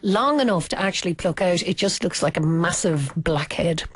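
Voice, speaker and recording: A woman's voice: fairly low pitch, animated, moderate pace, husky, no echo. A woman in her late forties with an Irish accent, a guest author chatting in a radio studio interview, self-mocking and full of fillers and restarts. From Ireland. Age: 40s.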